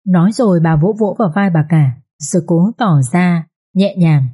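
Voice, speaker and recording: A woman narrating an audio drama story in a steady, expressive storytelling manner. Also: on the low side, moderate pace, breathy edge.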